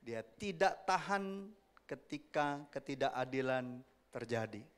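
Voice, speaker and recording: A man preaching a sermon as pastor, lively and often asking the congregation questions. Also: medium pitch, slow, clear, resonant tone. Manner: animated, asks the congregation questions, acts out quoted voices.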